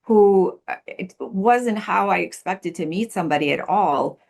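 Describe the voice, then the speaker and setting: Over a video call, a podcast guest in her sixties who works as a life coach reflects earnestly on the questions, repeating words while she hunts for the right ones. She has a mid-range voice, a little slow, gravelly and a little mellow.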